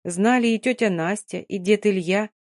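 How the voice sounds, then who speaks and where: A woman reads a novel aloud in a steady, measured storytelling voice. Her pitch is mid-range for a woman. The recording is close and dry, with no room sound. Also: dry recording. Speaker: audiobook narrator. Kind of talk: scripted narration of a novel.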